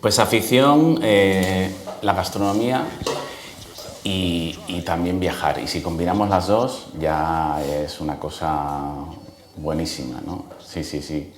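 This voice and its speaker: A man's voice: low-pitched, fairly even intonation, slow pace, echoey room. A middle-aged man from Spain, a guest speaking easygoingly with many hesitations in a casual interview. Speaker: guest, security executive.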